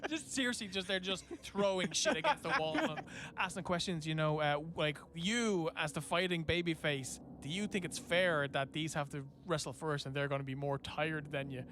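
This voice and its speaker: A man co-hosting a podcast, chatting casually with quick jokey asides. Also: fairly high pitch, fairly bright tone, a little hiss or hum. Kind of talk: casual chat.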